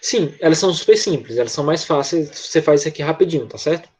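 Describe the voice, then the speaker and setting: A man with a Brazilian accent leads an online English class, patiently guiding pupils through repetition and checking in often with quick tag questions. He sounds expressive, on the high side, with a darkish, slightly rough tone.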